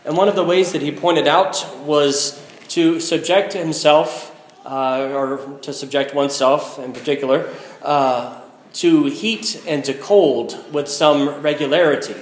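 A man serving as priest, reading scripture and preaching in a measured, solemn way, his voice ringing in a cathedral echo. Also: on the high side, steady tone. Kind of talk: liturgical reading and homily. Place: large church.

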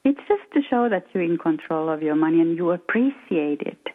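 A woman's voice: fairly low pitch, animated, fairly quick. A middle-aged woman from Finland with a Finnish accent, a guest financial coach talking hesitantly with many fillers in an interview. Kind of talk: casual interview talk. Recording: tinny phone-like line.

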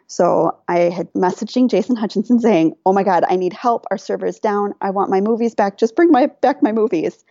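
A woman guesting on a podcast tells a personal story in casual chat, animated and laughing often as she quotes herself and others. Her voice is fairly low, the recording has no echo, and the highs are cut off.

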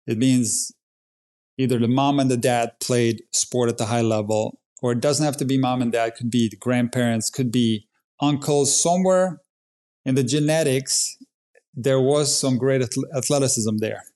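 A man's voice: mid-range voice, moderate pace, darkish tone. A man in his forties from Croatia, a tennis coach telling his story in a podcast interview in an earnest, plain-spoken way. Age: 40s.

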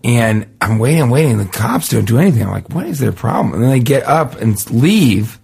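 Husky guy telling a story, does the voices of people in it. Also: mid-range voice, brisk. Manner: animated storyteller, acts out quoted people. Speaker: podcast co-host. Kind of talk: casual storytelling chat.

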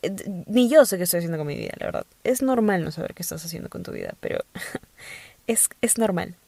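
A young woman hosting a podcast in a casual, playful monologue full of quick asides. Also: lowish voice, expressive, gravelly, mellow, breathy edge, no echo. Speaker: podcast host.

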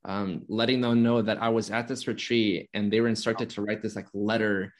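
Guest in his twenties, sincere and open, speaks with a fairly low voice and frequent restarts. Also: steady tone. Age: 20s. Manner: earnest, open, halting with restarts. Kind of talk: casual conversation.

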